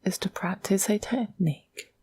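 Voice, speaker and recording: Narrating a guided meditation, a woman speaks in hushed, measured short phrases separated by long pauses. Her voice is mid-range, soft, breathy, and whispery.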